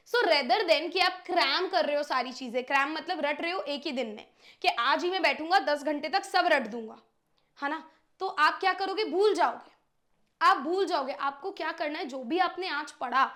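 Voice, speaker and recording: A woman's voice: high-pitched, pushed and bright. A young woman teacher giving students study tips, talking straight to them and acting out their questions.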